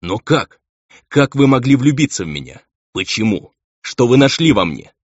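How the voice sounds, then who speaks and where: A man's voice: mid-range voice, very animated, moderate pace, breathy edge, dry recording, pitched above the performer's own voice. A man voicing a stern, brooding half-demon male envoy who speaks insistently. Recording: dull lo-fi dry recording.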